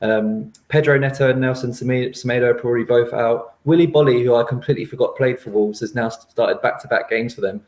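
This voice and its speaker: Casting note: male analyst, brisk team-news rundown, roomy echo. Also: medium pitch, fairly even intonation. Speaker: football analyst. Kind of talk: match preview.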